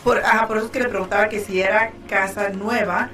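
Woman, on-air money advice, conversational, medium pitch, light music behind. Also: fairly even intonation, fast talker, fairly bright tone. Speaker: radio show co-host and mortgage lender. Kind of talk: casual on-air talk and advice.

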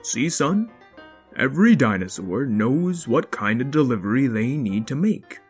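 A man voicing a gruff but kindly, hardworking dinosaur father in a children's story, speaking in a folksy, firm and encouraging way. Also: medium pitch, sing-song, measured pace, soft background music. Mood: explaining.

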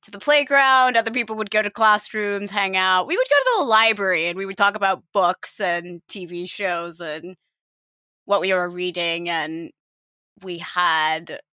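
A woman's voice: mid-range voice, a little slow, pushed and bright, clear, resonant tone, dry recording, clean studio sound. A woman in her late twenties, born in Finland, with an international-school, American-like accent, chatting as a podcast guest in a chatty, self-deprecating way. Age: 20s. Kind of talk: casual interview chat.

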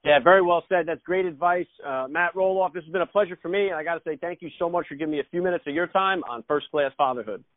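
A man interviews guests casually as a podcast host. He talks very fast in a slightly high voice, and the line sounds thin and phone-like. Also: no echo.

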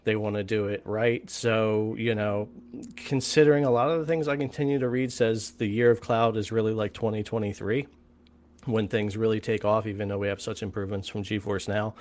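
A man on a panel sharing his views in a measured, thoughtful way with many fillers. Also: on the low side, steady tone, a little mellow. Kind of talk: casual panel discussion.

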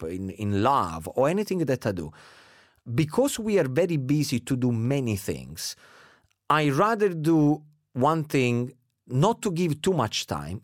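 A middle-aged man with an Italian accent chatting casually, animated and laughing often. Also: medium pitch, no echo, clean studio sound. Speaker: guest. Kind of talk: casual chat.

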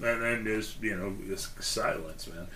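A man co-hosting a podcast in casual chat, with dark gallows humor, frequent swearing and lots of hesitant fillers. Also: lowish voice, unhurried. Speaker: podcast co-host.

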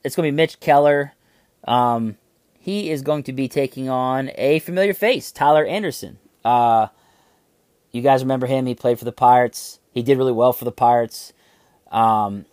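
A man hosting a casual sports podcast, talking in an excitable, rambling way with restarts and some swearing. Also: mid-range voice, no echo. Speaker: podcast host.

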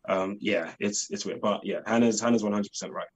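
A young man from the UK with a London accent is an eager, chatty actor guest in a casual interview, using "like" a lot. He talks fairly quickly at a fairly low pitch with fairly even intonation.

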